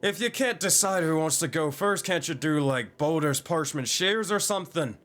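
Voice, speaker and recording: A man's voice: a little high, expressive, normal speed, fairly bright tone. Casual, sweary male game master. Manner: informal, sweary. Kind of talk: casual improvised narration of a tabletop game.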